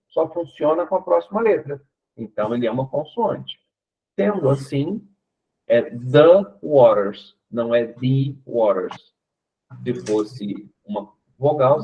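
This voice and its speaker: A man's voice: fairly high pitch, breathy edge. A man with a Brazilian Portuguese accent, an English teacher patiently explaining step by step in an online class, checking in with his students often. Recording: tinny narrowband online call audio.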